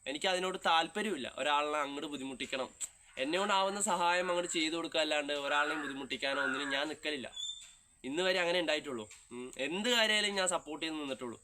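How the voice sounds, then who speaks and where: A man's voice: a little high, rapid-fire, sharp tone, a little hiss or hum. A man with a Malabar Malayalam accent chatting casually to his viewers as a vlogger, insistent and repeating his phrases. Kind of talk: casual chat to viewers, reacting to comments.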